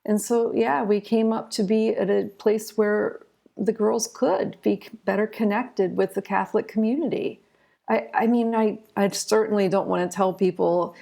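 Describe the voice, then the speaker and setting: This interview guest, a middle-aged American woman who writes and illustrates children's books, replies in a casual, talkative way and tells stories along the way. Her mid-range voice is steady, mellow and creaky, moving at a normal speed.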